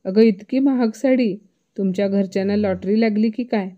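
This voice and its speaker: A woman's voice: mid-range voice, normal speed, phone-quality sound, lightly acted. A woman doing a scolding suspicious mother-in-law. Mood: mocking. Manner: accusing, scolding. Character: sharp-tongued suspicious older mother-in-law.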